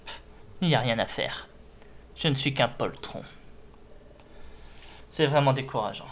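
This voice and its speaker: Timid little game monster longing to be brave, played by a man; hesitant, downcast, mid-pitched. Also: unhurried, a bit bright, a little hiss or hum, lightly acted. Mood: discouraged.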